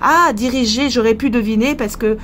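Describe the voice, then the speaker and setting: A woman's voice: fairly high pitch, normal speed, a bit bright, slight background noise. A woman with a French accent, a language teacher thinking aloud in a casual vlog, hesitant and full of fillers.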